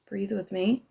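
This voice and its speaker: Woman with a gravelly, fry-edged voice. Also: mid-range voice. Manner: slow, instructive guidance with soft, breathy asides. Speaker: healing coach. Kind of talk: guided emotional exercise on a live stream.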